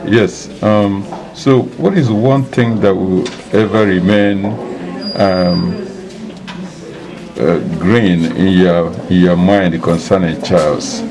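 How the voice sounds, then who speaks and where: Deep-voiced man interviewing mourners. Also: takes it slowly, crowd noise. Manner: warm, chatty, frequent affirmations. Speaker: interviewer at a memorial service. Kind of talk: casual interview. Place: church hall.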